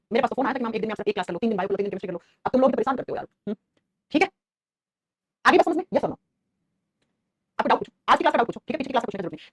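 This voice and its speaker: A woman teacher rattles through a live online biology class at great speed, her pitch swinging widely. Her voice sits a touch high with a slightly husky grain, and she scolds her students with affection. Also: no room sound. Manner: animated, scolding and affectionate, calls students "beta". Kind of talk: live online class answering chat comments.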